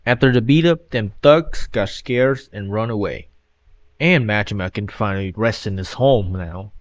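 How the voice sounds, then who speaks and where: On a cheap microphone with a dull lo-fi sound and background music, a man with a lowish voice narrates a scripted story retrospective. He keeps a moderate pace and speaks in casual, non-standard grammar, leaving off verb endings.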